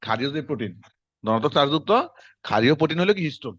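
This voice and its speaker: A man, teaching a class in quick, conversational lecture style and quizzing his students as he goes. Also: medium pitch, expressive, fairly bright tone, no room sound. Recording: dull lo-fi classroom recording.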